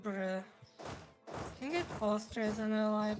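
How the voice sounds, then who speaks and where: A Croatian woman streams a strategy game, chatting casually over music in a mid-range voice at a measured pace. She rambles a little and has a dry sense of humour.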